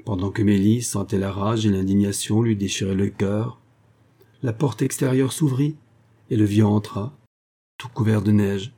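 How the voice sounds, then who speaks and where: A man reading a classic story aloud as audiobook narrator, measured and expressive. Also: lowish voice.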